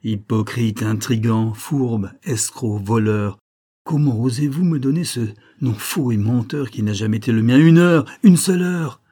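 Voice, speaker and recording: A man's voice: mid-range voice, big pitch swings, moderate pace, few pauses, voice pushed up. A man voicing a proud, furious noblewoman with a strong, ringing voice. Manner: forceful, clear and ringing.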